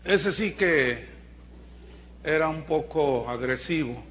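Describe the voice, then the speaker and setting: Mexican man pastor, high-pitched voice, animated colloquial sermon, faint hum behind. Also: slow. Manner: animated, colloquial, humorous storytelling.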